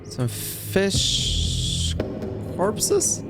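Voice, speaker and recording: Pitched high and swooping wildly, his voice moves very slowly. He's a gameplay streamer doing casual let's-play commentary on a horror game, reacting aloud and reading on-screen text over game music.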